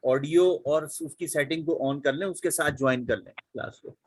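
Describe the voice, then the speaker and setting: A man's voice: fairly high pitch, husky, no room sound. A man in an online class, helpfully giving a classmate brief instructions over a video call. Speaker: class participant. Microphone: video call mic.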